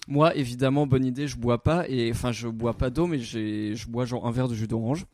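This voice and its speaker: A man's voice: medium pitch, fairly quick, a little mellow, no echo. A man casually telling a long anecdote on a podcast, rambling a little as he goes. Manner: rambling storyteller, many fillers and restarts. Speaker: podcast co-host.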